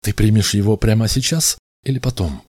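A man's voice: fairly low pitch, a little fast, a little mellow, slightly rough, no echo, studio quality, voice pushed up. A man voicing an earnest, flustered young man in an audiobook, eager and anxious. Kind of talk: audiobook character voice.

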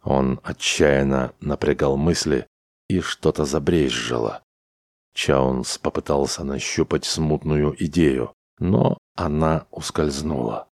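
A man reading science fiction aloud as an audiobook narrator, in an even, unhurried way. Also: very deep voice, no room sound, studio quality. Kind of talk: scripted narration.

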